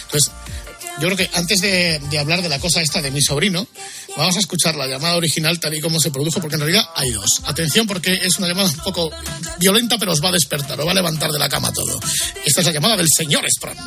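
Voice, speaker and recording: A man with a high voice hosts a radio show and talks quickly. He tells stories in a jokey, casual way. Music plays clearly behind him. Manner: jokey storyteller. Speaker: radio host.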